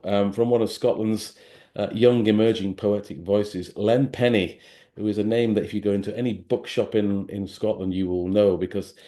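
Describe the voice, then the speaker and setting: A man presenting a festival's spoken-word programme in an online session, reading poems aloud in a measured, deliberate way and slowing on key phrases. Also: on the low side, mellow. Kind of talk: poetry reading and programme introduction. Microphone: online event microphone.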